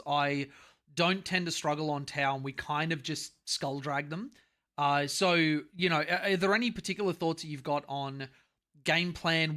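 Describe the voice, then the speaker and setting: A man with an Australian accent hosting a casual gaming podcast over a call, animated and swearing casually. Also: fairly high pitch. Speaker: podcast host.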